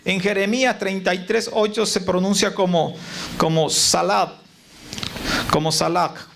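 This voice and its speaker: Gravelly high-voiced preaching man. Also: moderate pace. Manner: preaching with call and response to the congregation; reciting lists of word meanings. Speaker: pastor. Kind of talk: sermon. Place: church sanctuary. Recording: noisy church recording.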